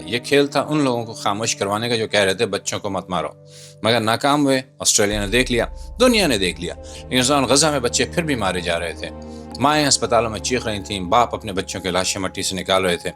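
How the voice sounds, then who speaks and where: The video commentator's voice is fairly low and fairly bright as he narrates a scripted political piece with dramatic emphasis and rhetorical flourish. Music plays beneath him.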